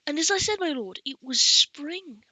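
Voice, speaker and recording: A woman's voice: sits high, animated, moderate pace, bright, forceful tone, no echo, voice pushed up, heavily acted, poor audio. A woman voicing an elderly, fussy male scribe master who speaks in a prim, pompous, emphatic way.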